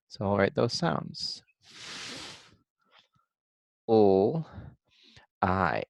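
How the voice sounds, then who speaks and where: A man teaching kindergartners to write, thinking aloud slowly and sounding out letters and syllables one at a time. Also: medium pitch, creaky, dry recording. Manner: thinks aloud in a gentle encouraging way. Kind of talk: modeling writing for young children.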